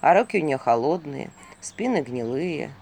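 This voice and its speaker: Expressive woman telling a folk tale. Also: deep voice, normal speed. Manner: expressive, hushed then rising. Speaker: storyteller. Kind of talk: dramatic folk tale narration.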